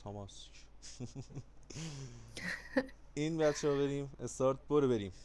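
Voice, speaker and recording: A man hosts a livestream giveaway in casual, teasing chat, with his voice sitting at a middle pitch. He jumps from drawn-out, loud announcements to low, quick asides. A faint background hiss runs under his voice. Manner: excitable and joking, swinging between loud shouts and low mutters. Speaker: streamer hosting a giveaway.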